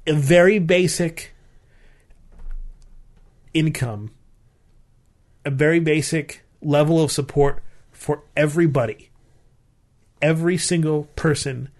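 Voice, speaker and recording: A man's voice: a little high, slow pace, long pauses, darkish tone. A man co-hosting a show, giving his opinions in casual chat and repeating phrases for emphasis. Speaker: podcast co-host.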